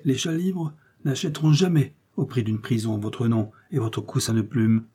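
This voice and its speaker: A man's voice: medium pitch, moderate pace, dark tone, breathy edge, close to an everyday voice. A man voicing a lean, proud stray tomcat who speaks curtly and with scorn in a storybook reading. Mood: scornful. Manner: curt and scornful.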